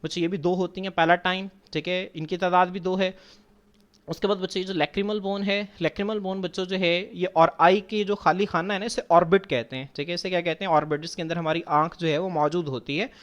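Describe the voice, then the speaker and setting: Lecturing on biology over slides, a man speaks a little fast in a high-pitched, steady voice, captured with lo-fi sound. Patiently, he repeats his points, poses questions only to answer them himself, addresses the students as children, and slips English science terms into his classroom talk.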